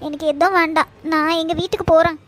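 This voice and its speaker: A very high, tearful little girl with a small, plaintive voice, voiced by a woman. She sounds hurt and unsure. Faint music runs beneath her. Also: fairly even intonation, fast, a bit bright. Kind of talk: cartoon voice acting. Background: faint background music.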